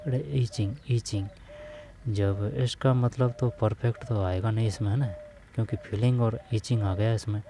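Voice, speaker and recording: A man teaching an exam-prep grammar lesson, reading English sentences out slowly and repeating them word by word. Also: fairly low pitch, fairly even intonation, dark tone, slight background noise.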